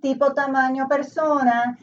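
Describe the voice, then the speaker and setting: A woman with a Puerto Rican Spanish accent speaks her mind in a casual conversation, her voice sitting a little high. She is heard from some distance from the microphone, and the sound is dull with faint noise behind it. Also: flat delivery, measured pace. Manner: outspoken and opinionated.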